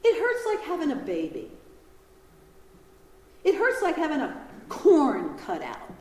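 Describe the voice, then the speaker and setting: A woman gives a retreat talk in a large, echoing hall, her voice swinging high and low as she tells stories with humor. Her pitch sits a little high, and the long reverb of the room trails behind every phrase. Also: a little slow. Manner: lively storytelling with humor and laughs. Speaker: retreat speaker.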